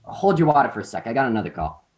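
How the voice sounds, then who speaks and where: Man reading cocky persuasive teen boy, pushy, very lively pitch. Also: racing, natural voice, low-quality recording. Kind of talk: unrehearsed script read-through.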